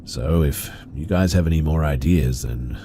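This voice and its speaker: Male horror narrator, extremely deep and mellow, calm scripted read. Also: normal speed, a little hiss or hum. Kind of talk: scripted narration of reader-submitted stories.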